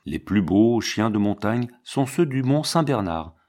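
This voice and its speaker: A man with a fairly low pitch narrates a classic children's novel as an audiobook. He tells the story in a steady, measured manner.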